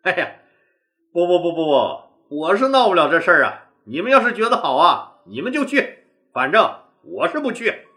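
A man's voice: sits high, sing-song, moderate pace, soft background music, heavily acted. A man voicing a stern older rebel leader who lays down harsh orders with force. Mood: reluctant. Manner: forceful, threatening. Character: stern, commanding older male rebel chief.

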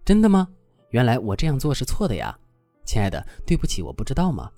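A man's voice: mid-range voice, wildly swooping pitch, quick pace, mellow, no room sound, faint music behind, pitched above the performer's own voice. A man voicing a coy young woman who sulks, whines and pleads with her boyfriend. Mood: pouty. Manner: whiny, wheedling, pouty.

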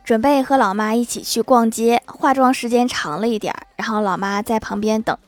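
A woman's voice: on the high side, a little fast, soft background music. A woman reading short comic anecdotes aloud as a joke narrator, chuckling at the punchlines. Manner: storytelling delivery that chuckles at the punchlines.

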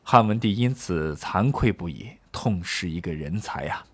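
A man's voice: low voice, expressive, normal speed, husky. A man explaining a classical poem through a casual storytelling lesson, with joking asides and many fillers. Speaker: literature explainer.

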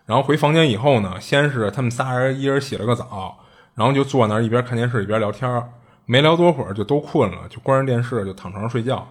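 Husky-voiced man spinning an eerie tale. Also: medium pitch, fast talker. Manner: chatty, colloquial, with frequent restarts and asides. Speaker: storyteller. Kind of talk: casual retelling of strange tales.

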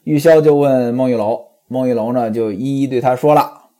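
A man's voice: mid-range voice, moderate pace, warm tone. A man retelling and commenting on a classic novel in a chatty way, often turning to speak straight to his listeners. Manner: chatty, addresses listeners directly. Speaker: storyteller and commentator.

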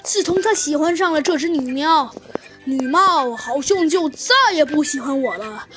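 A woman voicing a troubled male wolf, sighing, halting, high voice, faint music behind. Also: lively intonation. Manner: sighing, halting storyteller's retelling. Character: worried male wolf elder recounting troubles.

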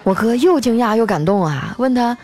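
A woman's voice: fairly high pitch, lively intonation, moderate pace, darkish tone, slight background noise. A woman hosting a comic storytelling show, chatty and playful, drawing out the ends of her sentences. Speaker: radio-style comedy host. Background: faint background music.

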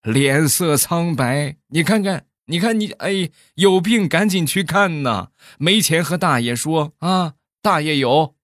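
A man's voice: a little high, expressive, measured pace, few pauses, a bit bright, dry recording, studio quality, voice pushed up. A man voicing a kind old village uncle who speaks in a choked-up, fussing way. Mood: worried, tearful. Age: older.

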